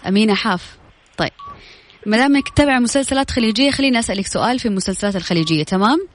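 With a fairly high, lively voice at a racing pace, a Saudi Hejazi-accented radio quiz host announces questions, winners and prizes, chatty and congratulatory. Music plays behind her in the studio, and there's a little hiss or hum.

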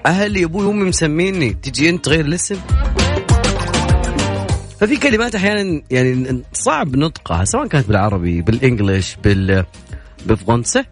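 Fast-talking radio host, man. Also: mid-range voice. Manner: chatty, playful, fast-talking. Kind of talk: casual radio talk show.

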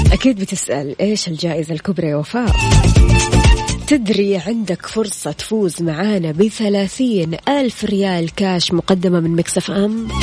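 A woman's voice: mid-range voice, darkish tone. A woman with a Saudi accent hosting a live radio show, announcing prizes and winners in an upbeat presenting style. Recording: radio broadcast with music behind. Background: music.

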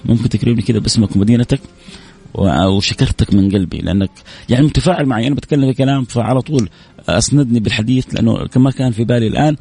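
Hoarse radio guy, gravelly dark voice, rattles through listener messages. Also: mid-range voice, very fast. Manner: reads listener messages aloud, warm religious phrasing. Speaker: radio show host. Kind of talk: call-in radio talk.

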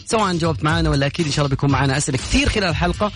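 Fast-talking radio host, music behind. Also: male voice, fairly high pitch, expressive, a bit bright. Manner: rapid, playful and teasing with callers. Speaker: radio quiz show host. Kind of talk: lively call-in radio banter. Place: radio studio. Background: background music bed.

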